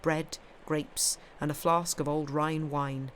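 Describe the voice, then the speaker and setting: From home, a woman hosts a live stream of festive readings into a streaming microphone, mixing expressive literary reading with casual chat. Her low voice is delivered flatly and slowly, with slight background noise.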